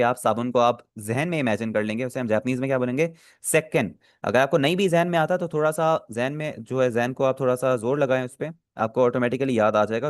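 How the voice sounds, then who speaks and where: A man's voice: medium pitch, no echo, clean studio sound. Patient man teaching an online lesson. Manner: patient, repeats and checks understanding with filler phrases; asks the class questions then answers them. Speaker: Japanese language teacher.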